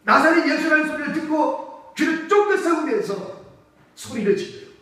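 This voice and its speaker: A man's voice: extremely high pitch, expressive, normal speed, fairly bright tone. A man preaching a sermon as pastor, emphatic and full of rhetorical questions to the congregation. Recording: echoey church hall from far off.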